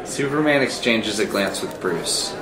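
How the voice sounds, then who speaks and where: A man on the low side delivers screenplay stage directions in an animated way at a measured pace. Crowd noise and film-score music fill the echoey room behind his scripted narration.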